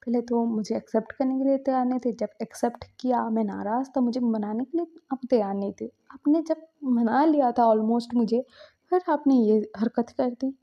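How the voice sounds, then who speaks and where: A woman's voice: fairly high pitch, normal speed, gravelly. A woman voicing an upset young man in a storybook romance, reproachful and pleading in a lifted voice. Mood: hurt, reproachful. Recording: dull lo-fi recording.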